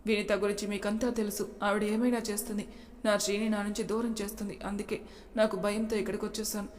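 A fiercely protective young mother who speaks bitterly and refuses to give way, as a woman storyteller reads her. Her lines come out level and flat, carrying a long reverb. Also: mid-range voice, fast, slight background noise, natural voice. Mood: defiant. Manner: bitter, defiant.

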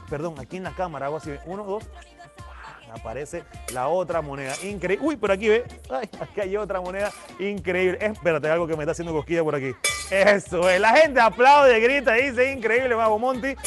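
A man with a Panamanian Spanish accent hosts a children's magic show, his voice sitting high for a man. He talks in a showy, playful patter and keeps calling for applause. Faint music plays under him. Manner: showy, playful, cheering on the audience. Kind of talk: live-streamed kids' magic show.

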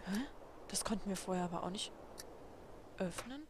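A woman commenting casually on a game she plays, quietly musing aloud and asking herself questions. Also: mid-range voice, moderate pace. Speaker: let's play host. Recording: audible background noise.

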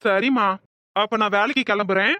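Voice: medium pitch, fairly quick, pushed and bright, no echo, lightly acted. An actor voicing a worried young husband in a comic cartoon, speaking sternly and scolding his wife.

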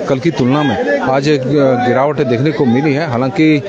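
Middle-aged male field reporter, medium pitch, halting unscripted delivery over loud outdoor crowd bustle. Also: fairly even intonation, dull audio. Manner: halting, repetitive phrasing. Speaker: live TV reporter. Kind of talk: unscripted live market report. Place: open-sided wholesale market at night.

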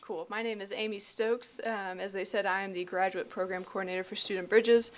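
A woman's voice: mid-range voice, steady tone, fairly quick. A young woman from Tennessee introducing herself at a conference panel, enthusiastic, with many ums, speaking into a podium microphone. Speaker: graduate program coordinator. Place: conference room.

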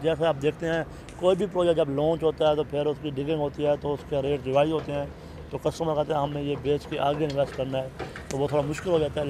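A Pakistani Urdu-accented man with a fairly high voice walks through floors, rates and payment plans in a steady, businesslike way. He is standing outdoors on a lapel mic. Soft street sound and passing traffic sit faintly behind him. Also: low-quality recording. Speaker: property agent. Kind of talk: explaining details to an interviewer.

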